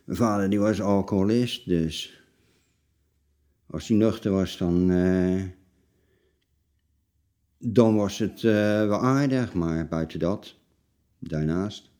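A man of forty-seven, answering personal interview questions in a halting, blunt, plain-spoken way. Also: sits low, dark tone. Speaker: interview guest telling his life story.

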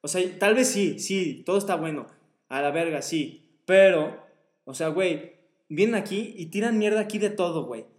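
A man's voice: high voice, normal speed. Slangy Mexican man, echoey room. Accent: Mexican Spanish. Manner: crude slangy banter, says güey constantly. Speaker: podcast co-host. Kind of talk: casual chat.

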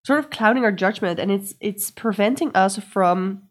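A woman hosting a tarot and astrology podcast, sounding nasal and stuffed up from a cold, explaining in a gentle, earnest way with some ums. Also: medium pitch, moderate pace. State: sick with a stuffy nose. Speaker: podcast host and tarot reader. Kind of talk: casual podcast guidance talk.

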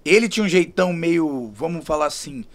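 A man's voice: a little high, expressive, fairly quick. A man hosting a casual podcast chat, talking animatedly, swearing and acting out quoted lines. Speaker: podcast host.

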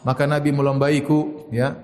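A man giving a sermon, telling stories lively, quoting Arabic and joking. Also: mid-range voice, moderate pace, soft background music. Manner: lively storytelling with Arabic quotes and jokes. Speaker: preacher. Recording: echoey hall.

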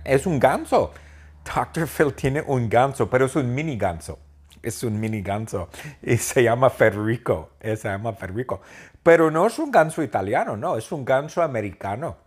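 A man telling a silly story slowly in simple sentences, playfully repeating each line. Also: mid-range voice, lively intonation, darkish tone, breathy edge.

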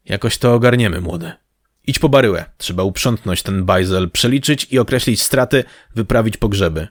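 A man plays a tough female ship captain in an audiobook, brisk and commanding. She sounds tired and blunt. The recording is dry and close. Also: lowish voice, dry recording, natural voice.

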